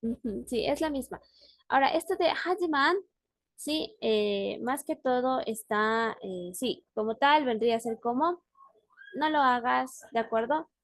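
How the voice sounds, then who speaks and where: A woman's voice: fairly high pitch, expressive, a little slow, no room sound. A woman teaching a language class on a video call, explaining words patiently and often checking in with her student. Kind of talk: online class.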